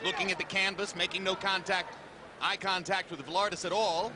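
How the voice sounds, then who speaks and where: A man's voice: high-pitched, little pitch movement, normal speed. A man calling a boxing match play-by-play from ringside, with wordy, colorful phrasing. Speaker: play-by-play commentator. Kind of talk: boxing commentary. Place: ringside in an arena. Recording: loud crowd and arena noise.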